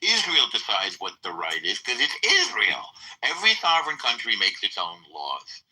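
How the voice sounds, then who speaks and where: A man's voice: medium pitch, wildly swooping pitch, moderate pace, sharp tone, slightly rough, low-quality recording. A man with a lisp from a missing tooth, tongue sticking out as he talks, arguing combatively in a heated political debate and badgering with repeated questions.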